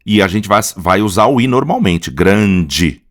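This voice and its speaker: A Brazilian man with a Brazilian accent, patiently explaining pronunciation in a lesson and often checking in with a quick "right?". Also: fairly low pitch, animated. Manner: patient, often tags phrases with a questioning "right?". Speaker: language teacher.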